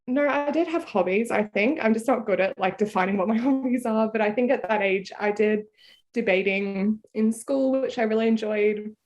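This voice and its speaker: An Australian woman appears as a podcast guest over a video call, chatting in a casual conversational interview. She laughs easily and says "like" a lot, and her medium-pitched voice is a little mellow and moderately paced.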